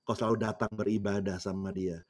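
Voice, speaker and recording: A man's voice: lowish voice, little pitch movement, quick pace. A male pastor preaching a sermon in a storytelling way, often addressing the congregation directly. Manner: storytelling, repeatedly addresses listeners.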